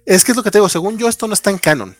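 A man's voice: sits high, expressive, racing, dry recording. A man with a Mexican accent, chatting casually on a livestream about comics, full of fillers and restarts. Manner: rambling with many fillers. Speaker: comic book reviewer. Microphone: remote call with lag.

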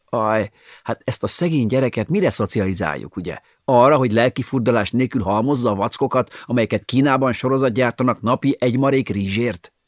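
A man's voice: medium pitch, dry recording, studio quality. A man narrating an audiobook in a wry, ironic storytelling manner, with sighing asides.

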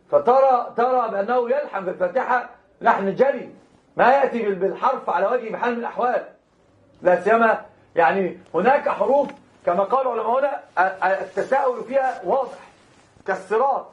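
A man teaching Islamic law in a classroom lecture, repeating and restarting words and speaking straight to his students. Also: sits high. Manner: addresses students directly, chuckles now and then. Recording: roomy, dull lo-fi lecture recording.

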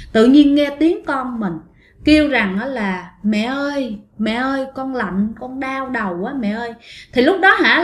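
A woman narrating ghost stories in a chatty, casual way, often speaking straight to her listeners. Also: a little high. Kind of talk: casual spoken storytelling. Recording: roomy echo.

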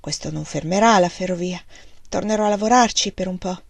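A woman's voice: lowish voice, a little fast, gravelly, dry recording. A woman voicing a worn-out, despairing young pioneer husband in a read-aloud story. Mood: anxious. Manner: anxious, despairing. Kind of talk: audiobook reading.

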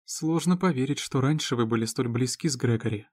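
A man voicing Lizzie, a caring, sharp-tongued woman, in a raised, teasing and scolding voice. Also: mid-range voice, fairly quick, dry recording, studio quality, lightly acted. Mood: chiding, caring.

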